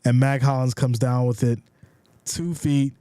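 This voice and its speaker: Commentating casually on a live stream, a congested-sounding man calls the plays and reads out comments from viewers, building excitement as he goes. His voice is medium-pitched and unhurried, with a clean tone and no room sound.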